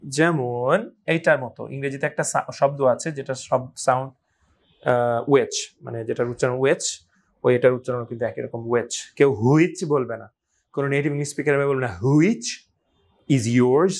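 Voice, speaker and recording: A man teaching English pronunciation, repeating each word slowly and asking listeners to say it aloud. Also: mid-range voice, steady tone. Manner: slow, repeats words for drill, asks viewers to say them aloud. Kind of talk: spoken language lesson.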